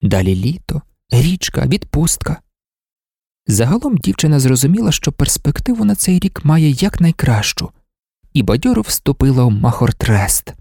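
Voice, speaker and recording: A man reading literary prose aloud as an audiobook narrator, in an expressive reading. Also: on the high side, moderate pace, gravelly, breathy edge, dry recording, studio quality. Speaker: audiobook reader.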